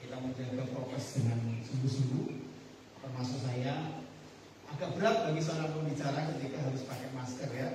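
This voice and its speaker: A man's voice: medium pitch, steady tone, moderate pace. A man preaching a sermon as pastor, speaking conversationally to a congregation. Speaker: pastor preaching at a church service. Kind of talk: sermon with prayer. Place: large echoing room at a church service, some held online too. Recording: echoey hall, distant mic, faint noise.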